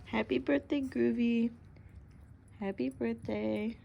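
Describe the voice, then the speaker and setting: A woman's voice: on the high side, steady tone, slow, creaky, mellow, slight background noise. A woman talking baby talk to her pet in a cooing, playful, doting way.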